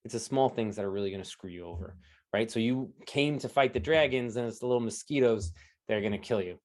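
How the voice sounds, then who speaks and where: A man giving an energetic online coaching talk, standing as he speaks and often checking in with "right?" and "okay?". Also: lowish voice, quick pace. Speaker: interview coach presenting a talk. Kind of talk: lively coaching talk to an audience. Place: indoors at home, standing while presenting.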